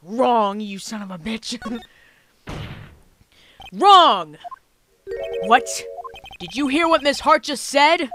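A determined young defense attorney , acted by a woman, pressing hard with forceful objections. The voice is fairly high, with game music running underneath. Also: expressive, slow. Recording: game music playing behind.

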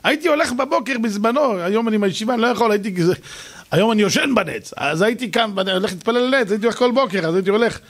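A rabbi giving a humorous lecture, telling animated stories and acting out their dialogue. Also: male voice, sits high. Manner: animated storytelling with acted-out dialogue.

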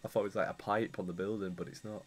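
A young man with a lowish voice races through rambling, casual commentary on his gameplay, with a little hiss or hum on the audio. He's a chatty gaming YouTuber who gets excitable when things go wrong.

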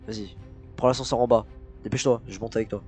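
A man's voice: lowish voice, steady tone, fast talker, darkish tone, soft background music, close to an everyday voice. A man voicing a scheming youtuber in a Minecraft role-play, bossing and threatening in casual slang. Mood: bossy. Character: scheming male youtuber framing a friend.

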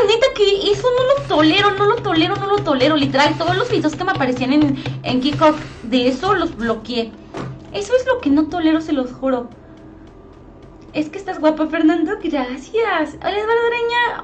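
A young woman with a Mexican Spanish accent streams a game, playfully chatting and greeting viewers by name as she comments live. Her voice is very high, with slight background noise behind it.

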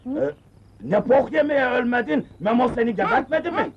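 An actor playing a pompous, vengeful village chief, in a dull old film soundtrack. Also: male voice, extremely high pitch, big pitch swings, moderate pace, slightly rough, heavily acted. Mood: indignant. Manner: blustering, shouts insults. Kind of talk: 1980s film acting.

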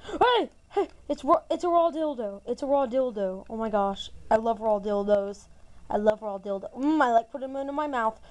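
A woman giving casual, excitable gameplay commentary as a gaming channel host, repeating herself playfully. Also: fairly high pitch, normal speed, slight background noise, poor audio.

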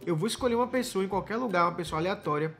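A man's voice: high voice, rapid-fire, creaky, fairly bright tone. A young man with a Bahian Brazilian accent chatting casually and informally with his viewers as a gaming YouTuber. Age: young adult. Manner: informal, slangy, addressing viewers as buddies. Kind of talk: casual gamer vlog chat. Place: small home gaming room. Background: background music.

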